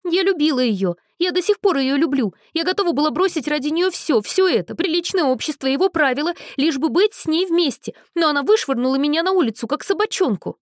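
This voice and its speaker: A woman's voice: sits high, normal speed, few pauses, no echo, studio quality, pitched above the performer's own voice, lightly acted. Woman doing a sobbing jilted young woman. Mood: weeping, pleading. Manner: sobbing, wailing.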